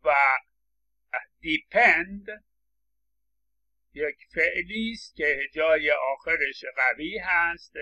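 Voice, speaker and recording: A man's voice: on the high side, pauses often, pushed and bright, low-quality recording. A middle-aged man lecturing on English phonetics, explaining patiently and stressing words as he repeats examples, with English words spoken. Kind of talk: recorded lecture.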